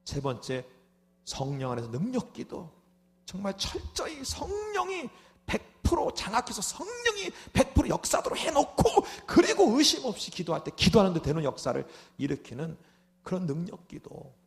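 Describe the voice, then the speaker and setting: A man preaching at a revival meeting in a high, bright-pitched voice. He talks in an animated way, firing off rhetorical asides and acting out prayers. At times he swells into loud, fervent shouted prayer. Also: normal speed. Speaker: pastor.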